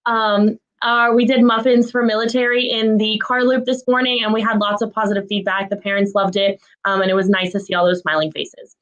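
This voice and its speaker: A woman school administrator reading through a list of staff announcements in a brisk, businesslike way, with frequent "um" fillers. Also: mid-range voice, level tone, fairly bright tone, lo-fi sound.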